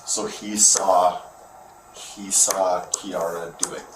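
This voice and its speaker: Brief: male detective, extremely low voice, stop-start clarifying questions, distant roomy sound. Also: little pitch movement. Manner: halting, repeats words while clarifying. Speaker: investigator. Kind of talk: police interview questioning. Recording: distant, echoey with faint noise.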